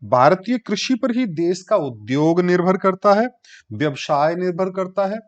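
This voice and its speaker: Guy teaching a class, bit high voice, asks then answers himself, dull lo-fi sound. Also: expressive, unhurried. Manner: explains step by step, asks and answers his own questions. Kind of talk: classroom lecture. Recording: dull lo-fi recording.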